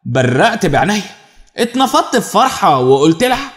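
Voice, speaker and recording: A man with an Egyptian accent narrating a first-person dramatic story in an expressive, animated way. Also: sits high, fairly quick. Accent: Egyptian Arabic.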